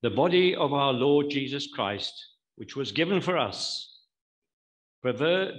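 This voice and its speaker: A man leading a communion service, speaking in a measured, solemn and reverent way into a pulpit microphone. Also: mid-range voice, fairly bright tone, low-quality recording. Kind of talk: liturgical prayer and service instructions.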